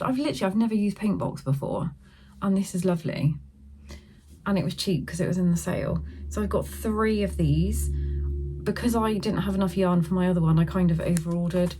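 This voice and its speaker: A middle-aged woman chatting through a casual yarn haul, filmed on her phone at home and sometimes talking softly so a sleeping baby stays asleep. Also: fairly low pitch, a little hiss or hum. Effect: filmed on a phone camera. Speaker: craft vlogger.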